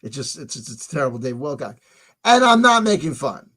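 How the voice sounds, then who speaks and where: A man's voice: medium pitch, big pitch swings, quick pace, fairly bright tone, breathy edge. A man around middle age hosting a rambling livestream monologue, talking in an emphatic, insistent way and repeating himself. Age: 30s to 40s. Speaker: livestream host.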